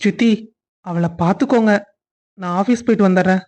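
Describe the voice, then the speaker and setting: A woman's voice: medium pitch, fairly quick, close to an everyday voice. A woman voicing a kind young cartoon brother. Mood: gentle. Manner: gentle, reassuring. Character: kind young man, caring older brother. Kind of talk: cartoon story voice acting.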